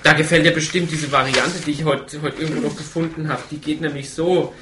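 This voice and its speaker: A man's voice: fairly high pitch, fairly even intonation, fairly quick, reverberant, background noise. A man hosting a radio show, chatting casually and laughing easily, often restarting his sentences. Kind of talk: casual studio banter.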